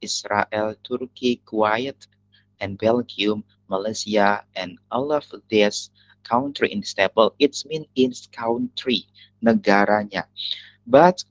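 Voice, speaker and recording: A man with an Indonesian accent teaching an English lesson in an online class, talking in halting phrases that he often restarts. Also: fairly low pitch, no echo, low-quality recording.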